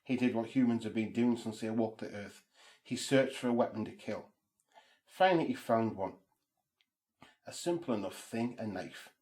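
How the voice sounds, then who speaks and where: A man's voice: on the low side, moderate pace, long pauses, a little mellow. A man speaking as a horror host, telling spooky material in a solemn, theatrical, incantatory way. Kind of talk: spooky scripted narration and ritual chanting. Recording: roomy, echoing sound.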